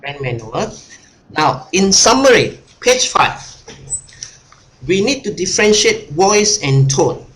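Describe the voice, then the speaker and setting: A man's voice: high-pitched, big pitch swings, unhurried, pauses often, a bit bright. A man coaching a group over a video call, repeating his points and tagging them with "huh?". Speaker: speaker and coach. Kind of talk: online workshop talk.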